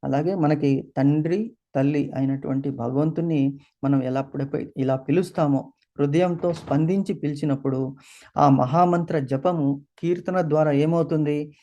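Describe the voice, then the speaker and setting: A man's voice: fairly high pitch, steady tone, moderate pace, warm tone, dull audio. A man giving a scripture discourse as a spiritual teacher, asking and answering his own questions and slipping English phrases into his talk.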